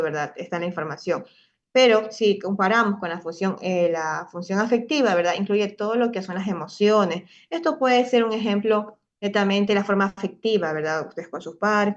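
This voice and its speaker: Female teacher, middle-aged, explanatory lecture delivery with frequent check-ins; slightly lo-fi audio. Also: medium pitch. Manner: explanatory, often tags ¿verdad?. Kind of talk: online class lecture.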